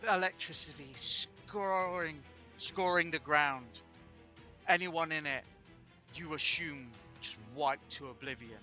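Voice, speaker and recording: A man narrating a tabletop game as dungeon master, taking his time and backing up to fix a word here and there. His voice is bright and forward at a middling pitch, and faint music plays behind him. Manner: slow, deliberate narration with restarts and self-corrections.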